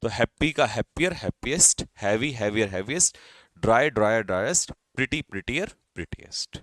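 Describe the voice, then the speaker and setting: A man's voice: mid-range voice, expressive, fairly quick, a bit bright, dry recording, studio quality. A man with an Indian accent teaching an English grammar lesson for exam prep, explaining step by step and asking and answering his own questions. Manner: calls students brother, drops his voice at ends of lists.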